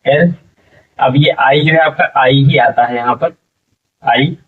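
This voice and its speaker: A man's voice: mid-range voice, slow, husky. A man teaching English phonics in a spoken lesson, spelling words letter by letter, repeating them and asking what each becomes. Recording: distant, dull lo-fi classroom recording.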